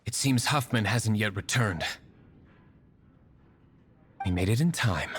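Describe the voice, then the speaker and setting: An actor playing an aloof, stern young tavern owner in a video game, curt, dry and formal. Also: male voice, lowish voice, animated, slow pace, a bit bright, slight background noise. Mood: brisk.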